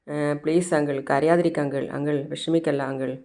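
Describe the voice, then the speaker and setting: Consoling young woman in a told story, read by a woman narrator, low, flat voice. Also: fairly quick. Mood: pleading. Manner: low, even reading voice.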